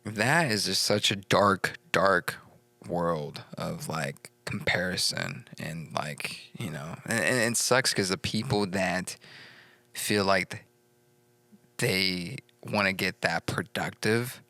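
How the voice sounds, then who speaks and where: Gravelly low-voiced man hosting a podcast. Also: takes it slowly, bright, forceful tone, no room sound. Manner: loose, goofy and profane, with frequent laughs and fillers. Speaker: podcast host. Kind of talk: casual chat.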